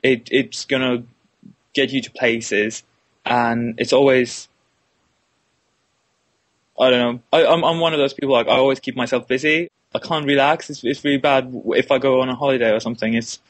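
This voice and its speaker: A Finnish man in his twenties, an illustration student, answers interview questions in English as a non-native speaker with a Finnish accent. His medium-pitched voice is steady and moderately paced, but he hesitates, restarts, repeats words, and leans on "kinda like".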